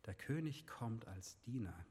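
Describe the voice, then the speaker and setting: A man giving a sermon, asking his listeners questions and dropping to a soft, hushed voice when he speaks God's words. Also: on the low side, expressive, a little slow, husky, long reverb tail. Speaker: preacher.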